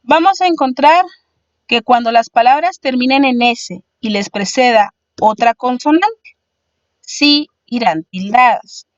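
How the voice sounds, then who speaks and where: A woman's voice: on the high side, a little slow, no echo, dull audio. A woman teacher explaining spelling rules patiently, step by step, like a voice-over lesson.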